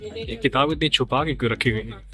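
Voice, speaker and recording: A man's voice: medium pitch, normal speed, sharp tone, soft background music. A young man, making a joking vlog with wry asides as he wanders a book fair. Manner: joking, wry asides, switching between Hindi and English. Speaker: vlogger. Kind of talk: casual comic vlog narration.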